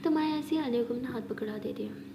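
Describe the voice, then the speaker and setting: Young woman storyteller, intimate and breathy-soft, high voice, roomy reverb. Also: fast. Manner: soft, intimate, often half-whispered. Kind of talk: first-person romantic storytelling. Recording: echoey room with faint noise.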